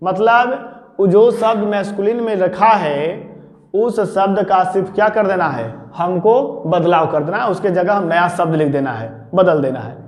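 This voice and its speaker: Male teacher, high voice, quizzes himself aloud, long reverb. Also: unhurried, a little mellow. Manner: poses rhetorical questions and answers them himself; addresses listeners familiarly as "babu". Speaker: English grammar teacher. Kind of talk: explanatory classroom lecture. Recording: echoey room with long reverb.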